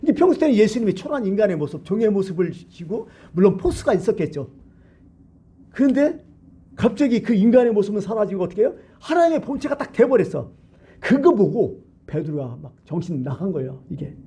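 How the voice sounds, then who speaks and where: A man pastor preaching a colloquial, lively sermon in a church, full of rhetorical questions to the congregation. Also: high voice, fairly quick, breathy edge. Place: church sanctuary.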